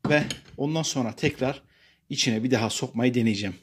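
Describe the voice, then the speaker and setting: A man calmly talking viewers through a repair job step by step, pausing often with fillers as he works. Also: medium pitch, a little hiss or hum. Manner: plain and unhurried, addresses viewers as friends, frequent filler pauses. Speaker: DIY repair presenter. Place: workshop bench and outdoor paved yard.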